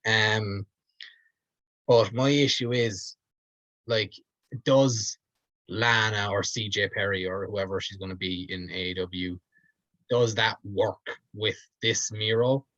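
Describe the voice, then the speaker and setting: A man's voice: on the low side, steady tone, slow pace, pauses often, fairly bright tone, dry recording. A man, co-hosting a podcast, talking in a rambling, hedging way full of fillers. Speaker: podcast co-host. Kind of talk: casual chat. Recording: dull lo-fi dry sound.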